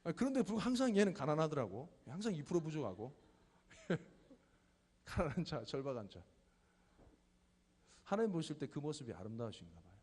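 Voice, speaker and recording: Casting note: man in his thirties, youth pastor, lively and chatty sermon delivery, somewhat high voice, church hall with long echo. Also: a little fast, long pauses, husky. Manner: conversational, explains with questions and family stories.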